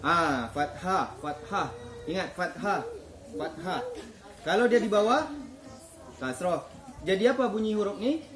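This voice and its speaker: A man's voice: sits high, lively intonation, measured pace, long pauses. A man teaching children to read the Quran in a classroom, patiently quizzing them and praising their answers. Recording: echoey classroom.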